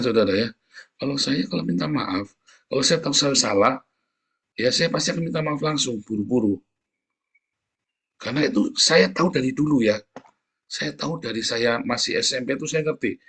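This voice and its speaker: Man, middle-aged, husky voice, conversational sermon, animated storytelling, talks straight to the congregation. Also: mid-range voice. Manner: animated storytelling, acts out quoted voices, addresses congregation directly. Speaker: preacher.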